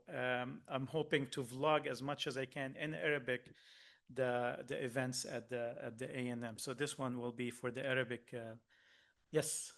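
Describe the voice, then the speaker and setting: A man originally from Lebanon giving a workshop talk, earnest and hesitant, with frequent pauses and restarts. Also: medium pitch. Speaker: workshop speaker.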